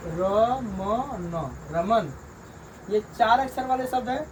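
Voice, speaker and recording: High-voiced man teaching letters from afar. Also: animated. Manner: slow, repetitive drilling of letters and sounds. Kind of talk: reading lesson for beginners. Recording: distant mic, loud crickets and traffic.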